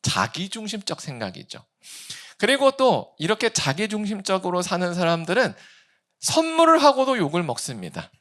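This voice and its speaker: A man's voice: high-pitched, huge pitch swings, moderate pace, a bit bright. A male pastor in his thirties preaching a sermon, asking rhetorical questions and acting out quoted speech.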